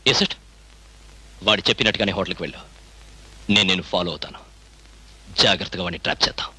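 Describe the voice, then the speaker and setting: An actor playing a gruff, commanding police officer in a film scene. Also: male voice, deep voice, quick pace, sharp tone, exaggerated voice. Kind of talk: film thriller dialogue.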